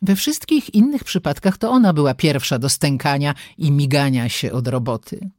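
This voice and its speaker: An audiobook narrator telling the story in an expressive, dramatic way. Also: mid-range voice, moderate pace, no echo, clean studio sound. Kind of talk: scripted narration.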